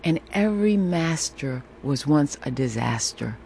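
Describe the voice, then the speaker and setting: A woman with a sultry, mellow voice talks slowly and reassuringly, as if checking in on her podcast listeners. She repeats phrases for emphasis, and a faint air-conditioner noise sits behind her as she records on a phone in a room at home. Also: deep voice, lively intonation, creaky. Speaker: podcast host. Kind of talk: casual solo podcast monologue, encouraging check-in.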